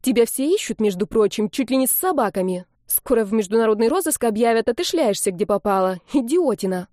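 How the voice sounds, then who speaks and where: A woman voicing a prim, furious young woman who scolds and shouts in an audiobook. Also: on the high side, animated, a little fast, dry recording, clean studio sound, natural voice.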